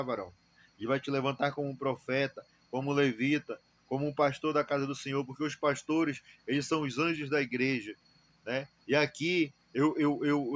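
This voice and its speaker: Brazilian man, testimony preacher; stammering, repetitive delivery, raised pitch, dry close mic. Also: fairly bright tone, no room sound. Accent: Brazilian Portuguese. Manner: halting, many repeated words and fillers; preaching exhortation. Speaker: church member giving testimony. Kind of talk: spoken testimony.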